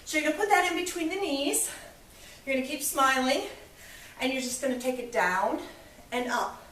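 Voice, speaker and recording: A woman fitness instructor talks students through a leg workout, counting down reps and cheering them on. She sounds a little out of breath from moving along with them. Her voice is on the higher side and comes from a distance in a roomy space with a faint hum of ambience. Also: moderate pace, fairly bright tone. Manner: upbeat, encouraging, counting reps. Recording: echoey room, voice from a distance.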